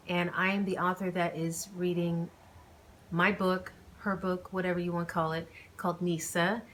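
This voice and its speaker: A fairly low-pitched woman talks with slight background noise behind her. An author and channel host with a storytelling bent, she begins with a relaxed vlog intro and goes on to read her own novel aloud.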